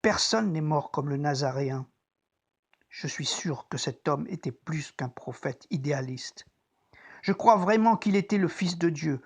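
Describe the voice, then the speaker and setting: An actor playing a troubled, conscience-stricken Roman centurion, reflecting deliberately in a dramatic biblical monologue as if talking to himself. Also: mid-range voice, expressive, a little mellow. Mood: shaken, awed. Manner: introspective, deliberate, theatrical.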